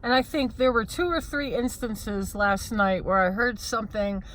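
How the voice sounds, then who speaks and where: A middle-aged woman chatting casually on a vlog in an unhurried, relaxed way. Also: on the high side, slight background noise. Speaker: vlog co-host. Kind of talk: casual chat.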